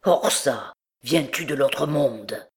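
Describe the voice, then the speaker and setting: A woman's voice: very deep voice, slow, breathy edge, exaggerated voice. A woman playing a scornful swaggering captain. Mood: startled. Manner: scornful, drawling. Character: arrogant swaggering young male army captain.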